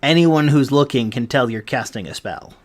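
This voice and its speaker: A man's voice: mid-range voice, lively intonation, normal speed. A man running a tabletop game as dungeon master, narrating scenes and giving patient rulings. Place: home, online game stream.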